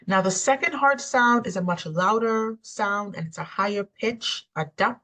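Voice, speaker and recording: Lower-pitched woman lecturing on anatomy. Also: poor audio. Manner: steady explanatory, with frequent ums. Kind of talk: recorded lecture.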